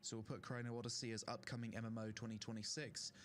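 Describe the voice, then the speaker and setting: A man's voice: medium pitch, little pitch movement, fast talker, a bit bright. A young man streaming, giving casual opinionated rankings of online games with fillers, his throat strained from talking. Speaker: gaming streamer. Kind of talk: casual tier-list commentary.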